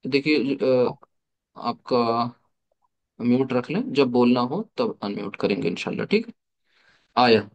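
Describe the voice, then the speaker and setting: A man's voice: mid-range voice, lively intonation, unhurried, darkish tone. A man teaching an online class, explaining step by step, asking rhetorical questions and mixing English terms into his explanations. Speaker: Arabic teacher.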